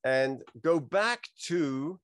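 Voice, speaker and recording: A man's voice: on the high side, expressive, very slow. A man giving a reflective lecture on religious texts, weaving in quotes from literature and film. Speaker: teacher.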